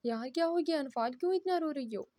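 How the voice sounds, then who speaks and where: A woman voicing a young husband, gruff at times and affectionate at others, in a storybook reading. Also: high voice, animated, fast, dark tone, dry recording. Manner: coaxing, indulgent.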